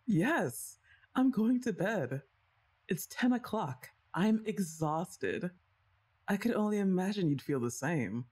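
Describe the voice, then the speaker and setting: Speaking right to the listener, a young woman plays out a scripted ASMR roleplay with a teasing, bossy-yet-playful attitude. She lets out sighs and gentle laughter between lines, and her lowish voice has a husky quality.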